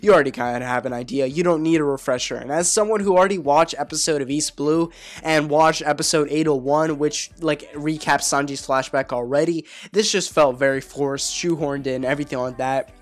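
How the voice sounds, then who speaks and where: A man reviewing an anime episode in a casual video, his voice hoarse from being sick, rambling with lots of fillers and restarts. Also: on the high side, fairly even intonation, a little fast. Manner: rambling, filler-heavy, self-correcting.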